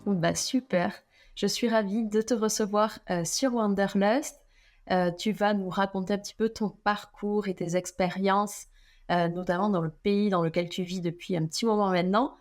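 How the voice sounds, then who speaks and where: A woman's voice: mid-range voice, fairly even intonation, moderate pace, a little mellow. A woman hosting a podcast, asking long, rambling questions with frequent hesitations. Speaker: podcast host. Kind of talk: conversational interview questions.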